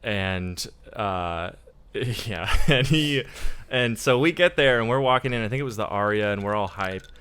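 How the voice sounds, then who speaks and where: A man co-hosting a talk show, cracking quick jokes and telling stories. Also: lowish voice, fairly bright tone, clean tone. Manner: quick jokey asides, storytelling. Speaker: co-host. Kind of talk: casual talk show banter.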